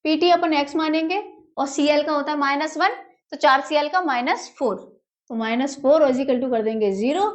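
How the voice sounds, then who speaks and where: A woman teaches chemistry at a whiteboard, explaining step by step, fondly calling her students "beta," repeating key terms, and answering her own questions. She has a high voice and a moderate pace.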